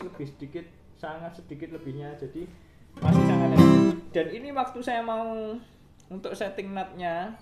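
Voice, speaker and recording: A man with an East Javanese Indonesian accent talks casually in a slightly high voice, explaining his guitar work in an easygoing way with plenty of fillers. The room is echoey, and guitar playing is heard faintly behind him. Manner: relaxed and explanatory, counting frets aloud, many fillers. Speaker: guitar repair shop owner. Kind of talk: casual workshop demo talk.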